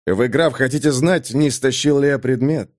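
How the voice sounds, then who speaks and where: A man's voice: mid-range voice, normal speed, dry recording, clean studio sound, lightly acted. A man voicing a proud soldier who speaks in clipped, firm words in an audiobook. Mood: defiant. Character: proud, defiant male soldier.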